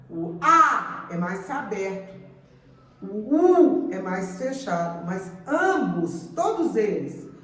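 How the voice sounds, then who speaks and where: Woman teaching slowly, bit high, voice jumps around, roomy echo. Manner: slow, deliberate, repeating example words. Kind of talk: classroom grammar lesson. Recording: echoey room, mic at a distance.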